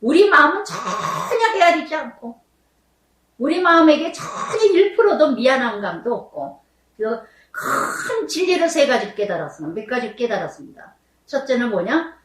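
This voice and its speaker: A woman's voice: sing-song, moderate pace, recorded from a distance. Emotional woman pastor preaching in an echoey room. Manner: emotional, pleading testimony with swings in pitch and loudness. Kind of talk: sermon.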